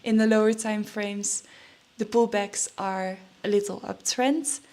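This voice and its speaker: A woman's voice: medium pitch, fairly even intonation, measured pace, a little mellow. A young woman chatting casually in a vlog, a bit nervous and out of breath, with many fillers and restarts. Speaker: trading vlogger.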